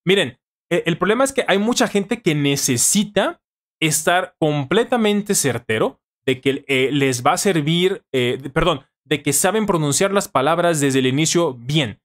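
A man's animated, slightly bright, higher-pitched voice moves at a measured pace as he hosts a casual language-learning live stream. In his thirties and Mexican-accented, he answers viewers informally and repeats phrases for emphasis, close to a boom-arm studio mic in a small home studio.

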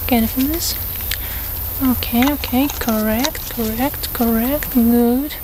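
Young woman, ASMR role-play, ASMR examiner, repetitive short phrases, slightly high soft voice, clear outdoor background noise. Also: fairly even intonation, slow pace. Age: young adult. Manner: repeats short words and phrases. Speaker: ASMR creator playing an examiner. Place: outdoors in a grassy field with trees. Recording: outdoor ambient noise with birdsong.

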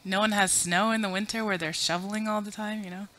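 Her mid-range voice moves fast with fairly even intonation and a pushed, bright quality. She is a thirtysomething woman from Afghanistan at a podium mic, joking at her own expense and polling a packed conference audience.

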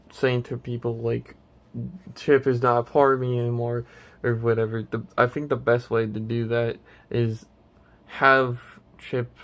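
A man hosting his channel, chatting casually while ranking a tier list, rambling and hesitant with many restarts. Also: medium pitch. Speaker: channel host.

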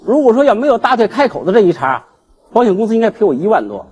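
A man, a guest telling his grievance on a TV talk show in an animated, aggrieved way. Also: high-pitched, fast, breathy edge. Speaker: guest, husband seeking divorce. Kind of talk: emotional storytelling on a TV talk show.

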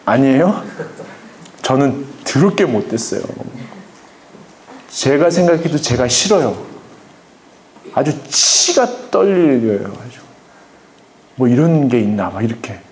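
A pastor lecturing parents in an animated, emphatic way, acting out voices as he speaks to a live audience. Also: medium pitch, slow pace, pauses often, a little hiss or hum. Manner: emphatic, acts out quoted voices, often says "막".

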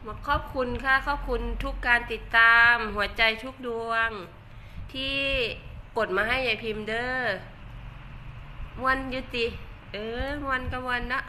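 A woman's voice: a little high, fairly even intonation, measured pace, pushed and bright, slight background noise. Chatty older woman with Isan accent. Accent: Isan Thai. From Northeast Thailand. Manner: chatty, laughs often, self-mocking. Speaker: livestreamer. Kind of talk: casual livestream chat reading comments.

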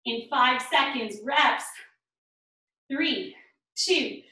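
A woman's voice: sits high, very slow, sharp tone. A woman in her thirties coaching a workout with counts and cues, encouraging and urging while she exercises along. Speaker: fitness instructor. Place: small bare indoor room at home. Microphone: camera a few meters away. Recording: echoey bare room, distant mic.

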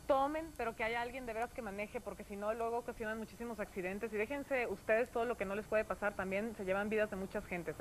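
A woman co-hosting a TV show, chatting casually and reading a short story aloud with lively acted shouts. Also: medium pitch, a little hiss or hum, poor audio. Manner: chatty, animated when reading, acts out shouted story lines. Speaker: TV show co-host.

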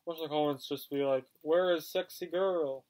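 A man's voice: a little high, steady tone, normal speed, darkish tone. A young man talking casually through a mouthful of food, in an offhand, joking, mumbly way. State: chewing while talking. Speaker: vlogger. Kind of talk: casual vlog chat. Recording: faint background noise.

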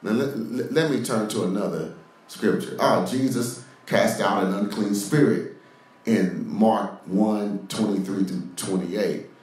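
Echoey, sarcastic preacher man with a lowish voice. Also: a little slow, a little mellow, recorded from a distance. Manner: sarcastic, mocking asides between scripture readings. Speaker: podcast preacher. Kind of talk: sermon-style podcast teaching. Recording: very echoey room, voice off-mic.

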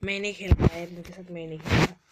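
A woman's voice: on the low side, little pitch movement, fast talker, heavy background noise. A woman giving casual, chatty commentary while playing a video game, whining and pleading in fun. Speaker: gamer.

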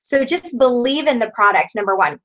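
A middle-aged woman leading a sales team training over a video call, energetic and encouraging, often calling her listeners "you guys". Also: a little high, moderate pace. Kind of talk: upbeat team training talk. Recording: dull lo-fi video call audio.

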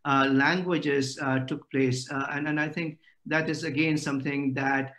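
A man's voice: mid-range voice, fairly even intonation, a little slow, fairly bright tone. A middle-aged man giving an academic lecture over a video call, with many "uh" fillers.

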